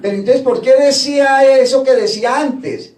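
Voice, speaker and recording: High-pitched preacher guy, echoey church, mic far off, acts out bible scenes. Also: normal speed, darkish tone. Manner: retells gospel scenes with quoted voices. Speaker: pastor. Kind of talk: sermon. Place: church hall.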